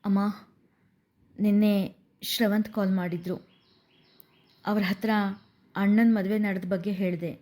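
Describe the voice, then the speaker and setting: A woman's voice: medium pitch, steady tone, unhurried, long pauses, dark tone, close to an everyday voice. A woman voicing a heartbroken young woman telling her mother her troubles through tears in a story reading. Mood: tearful. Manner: tearful. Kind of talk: storybook narration.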